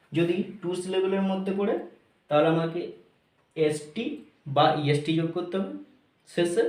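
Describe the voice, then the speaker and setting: A man teaching grammar, mixing English phrases into his explanations, repeating each point and checking whether his students are clear. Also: on the high side, reverberant, a little hiss or hum.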